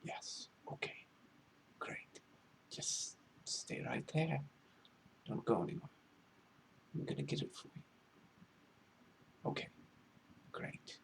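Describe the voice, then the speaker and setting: Man playing a pompous, creaky whispering librarian, whispered role-play. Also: medium pitch, a little hiss or hum. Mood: flustered, eager. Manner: pompous, halting, theatrically wordy. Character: pretentious, fussy male librarian, condescending yet needy. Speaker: ASMR role-play performer.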